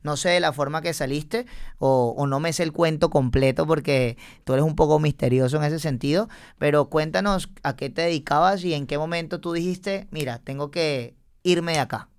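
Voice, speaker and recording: A man's voice: fairly high pitch, normal speed, smooth, no room sound, studio quality. A man from Venezuela hosting a podcast interview, asking probing follow-up questions. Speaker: podcast host.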